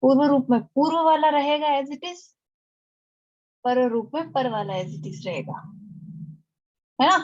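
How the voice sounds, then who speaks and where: Woman teaching an online class, high-pitched. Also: unhurried, long pauses, lo-fi sound. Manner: explaining step by step, checking in with students. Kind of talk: online lecture.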